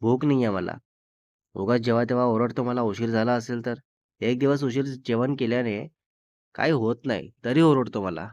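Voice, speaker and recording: A man's voice: mid-range voice, normal speed, darkish tone, no echo, natural voice. A man voicing a sulky young woman, a girlfriend who complains tearfully and makes demands in a petulant way. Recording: dull lo-fi dry recording.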